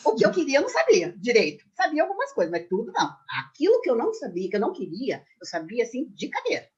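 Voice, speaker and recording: Retired numerologist guest in her sixties, rapid and emphatic, muffled lo-fi video-call sound. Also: on the high side, slightly rough. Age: 60s. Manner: animated storyteller, quick and emphatic. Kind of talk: casual chat on a video call.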